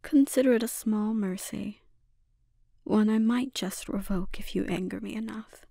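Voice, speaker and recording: A woman playing a menacing, condescending, dominant witch in a breathy, often whispered ASMR roleplay. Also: mid-range voice, warm tone, no echo, clean studio sound. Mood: cold, controlled. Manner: slow, deliberate, condescending.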